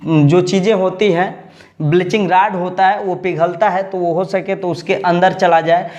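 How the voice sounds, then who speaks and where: A man explaining, step by step, how to weld AC copper pipes, talking directly to his students as an instructor. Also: high voice. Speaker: AC repair instructor. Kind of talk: tutorial lesson.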